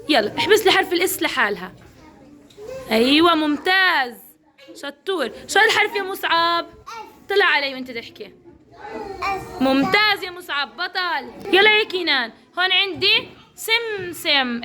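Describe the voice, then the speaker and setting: A woman's voice: very high-pitched, bright, forceful tone. A woman with a Levantine Arabic accent teaching a kindergarten class, encouraging and praising each child by name. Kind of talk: classroom instruction.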